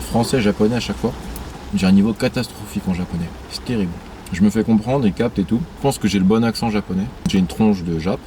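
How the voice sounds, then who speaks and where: A young man vlogging casually to camera outdoors, slangy and joking as he tastes food, swearing freely. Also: on the low side. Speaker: travel vlogger. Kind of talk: casual vlog chat to camera. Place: outdoors in the rain. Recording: loud rain and outdoor noise. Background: rain and passing traffic.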